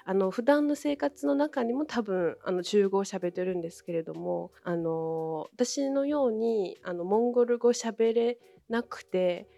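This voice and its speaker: A woman's voice: mid-range voice, a little slow, creaky, hardly any pauses, dark tone, dry recording. A young woman from Inner Mongolia whose first language is Chinese, answering interview questions politely with many hesitant fillers. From Inner Mongolia, China. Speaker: interview guest, former international student.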